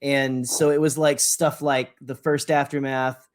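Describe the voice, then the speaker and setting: A man co-hosting a podcast chats casually and enthusiastically in a rambling, slangy way, often interrupting himself. His medium-pitched voice shows little pitch movement and he speaks unhurriedly.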